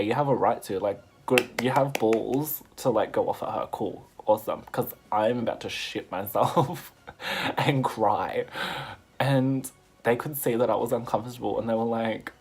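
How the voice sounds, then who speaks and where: A man telling a story in a casual vlog, animated and laughing, swearing freely as he goes. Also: medium pitch, normal speed, slightly rough, faint music behind. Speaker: vlogger.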